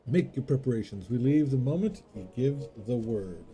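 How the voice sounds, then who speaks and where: A man reading the lines of a small, brisk young woman in a game, chirpy and businesslike. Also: mid-range voice, animated, mellow, soft background music, close to an everyday voice.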